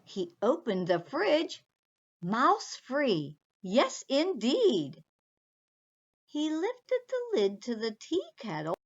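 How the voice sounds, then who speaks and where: Expressive woman reading to kids. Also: sits high, very slow, lo-fi sound. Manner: expressive, speaks to children directly. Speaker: children's librarian reading aloud. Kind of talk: picture-book storytime reading.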